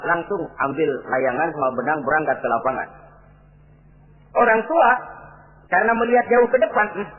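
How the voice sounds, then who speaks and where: A middle-aged Indonesian man preaching a sermon, animated and acting out the voices of people in his stories. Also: high-pitched. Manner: animated, acts out quoted voices. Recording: tinny lo-fi old recording.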